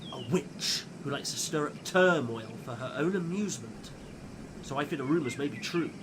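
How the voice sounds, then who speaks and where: A man's voice: medium pitch, close to an everyday voice. A man playing an earnest, kindly protector of the woodlands, telling a children's story in a theatrical manner. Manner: theatrical, earnest, addressing young audience as friends. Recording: noisy outdoor recording with nature ambience.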